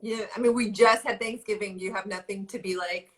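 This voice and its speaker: A woman's voice: mid-range voice, steady tone, a little fast, background noise. A woman co-hosting a podcast livestream from home in casual, teasing chat. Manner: chatty and teasing. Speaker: podcast co-host.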